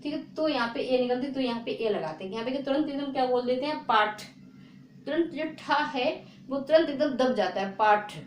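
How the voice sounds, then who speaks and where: A woman teaching a spelling lesson, repeating words slowly and asking her viewers rhetorical questions. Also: high-pitched, darkish tone. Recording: echoey room with faint noise.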